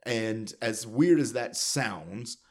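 A man's voice: on the low side, slow. Blunt, profane male comedian. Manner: blunt, profane, animated storytelling. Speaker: stand-up comedian. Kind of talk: casual podcast chat.

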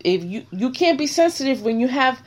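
A middle-aged woman hosting a casual chat, speaking bluntly and with animated swings between quiet and loud. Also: high voice, fairly quick. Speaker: host.

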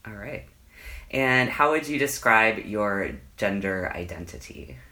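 Low-voiced, bright-toned man interviewer. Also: lively intonation, unhurried. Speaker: oral history interviewer. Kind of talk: interview questions and intro. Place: interviewee's apartment.

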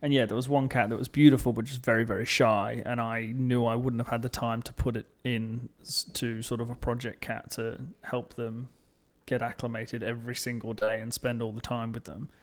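A man's voice: mid-range voice, level tone, a little fast. A man co-hosting a podcast in casual chat, teasing his friend and swearing casually. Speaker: podcast co-host.

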